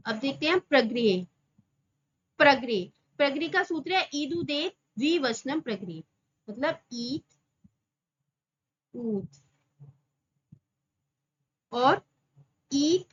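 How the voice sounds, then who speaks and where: Slow, high-voiced woman teaching grammar. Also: a bit bright, highs cut off. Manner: slow, repeats terms and asks rhetorical questions. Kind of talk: exam-prep grammar lesson.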